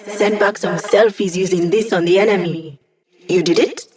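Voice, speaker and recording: A woman's voice: on the low side, moderate pace, darkish tone, close to an everyday voice. A woman playing a young tech hacker in a video game, talking in a playful, sardonic, casual and slangy way. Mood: encouraging. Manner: sassy, casual, teasing, slangy.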